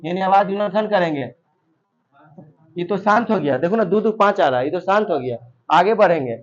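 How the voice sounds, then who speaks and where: A man teaching a math class, repeating steps and quizzing his students. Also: high voice. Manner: repetitive, quizzing students, drilling answers. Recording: dull lo-fi recording.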